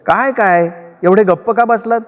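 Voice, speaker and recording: A man's voice: high-pitched, moderate pace, pitched above the performer's own voice, close to an everyday voice. Man putting on a nagging, suspicious wife. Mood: needling, accusing. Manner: sharp, needling, accusing. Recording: long reverb.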